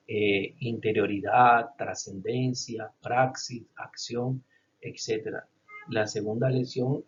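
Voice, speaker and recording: Animated male teacher, lo-fi lecture recording. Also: mid-range voice, a little hiss or hum. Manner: animated, acts out little scenes with a policeman's threats.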